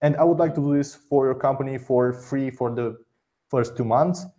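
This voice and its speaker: A podcast host with a warm, medium-pitched voice runs an interview, giving direct, encouraging advice in quick bursts and often repeating words as he goes.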